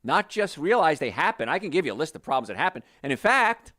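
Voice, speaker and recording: A man from New Jersey hosting a health podcast, talking to listeners in an animated, conversational way. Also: fairly high pitch, quick pace. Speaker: health show host. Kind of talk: promotional health podcast talk.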